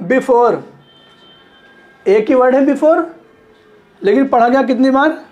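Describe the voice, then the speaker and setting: A man's voice: extremely high pitch, takes it slowly, a little mellow, faint music behind. A man teaching literature in a classroom lecture, repeating points, checking understanding and stretching words to show stress.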